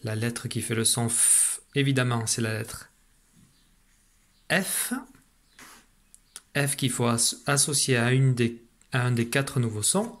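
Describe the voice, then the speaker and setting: A man teaching a remote lesson to young children, patient and slow, repeating syllables for a dictation. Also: mid-range voice, fairly even intonation, fairly bright tone. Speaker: primary school teacher.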